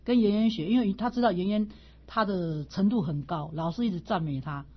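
A middle-aged woman teaching a class on classical texts, telling personal stories in an animated way and often repeating herself as she restarts. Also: mid-range voice, a little fast, slightly rough. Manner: animated storyteller, repeats words and stammers on restarts. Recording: dull lo-fi recording.

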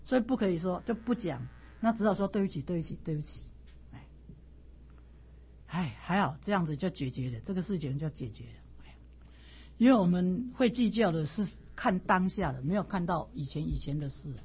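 A middle-aged woman with a husky, breathy voice teaches a class in a casual, animated way. She tells stories and stumbles over her words when she starts again. The recording sounds dull and lo-fi. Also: on the low side, fairly quick. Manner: animated storyteller, repeats words and stammers on restarts.

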